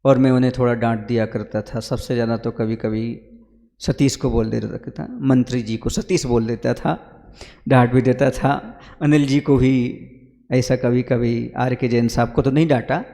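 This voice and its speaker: A Jain monk giving a sermon to a gathering, calling listeners brothers and putting questions to them. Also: male voice, medium pitch, fairly even intonation, normal speed, creaky, mellow, in a large hall.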